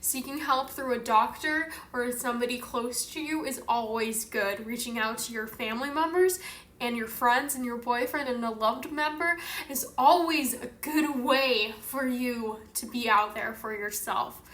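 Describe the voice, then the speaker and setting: A woman's voice: fairly high pitch, measured pace, a bit bright, reverberant. A young woman from Northern California, chatting to camera for her vlog in an outgoing, earnest way. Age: young adult. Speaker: vlogger. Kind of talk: casual talk to camera.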